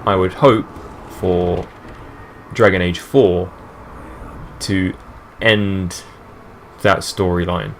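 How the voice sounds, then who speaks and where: Deep-voiced man rambling over gameplay. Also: steady tone, very slow, long pauses, a little hiss or hum. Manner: rambling, enthusiastic fan talk. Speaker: gaming channel host. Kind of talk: let's play commentary.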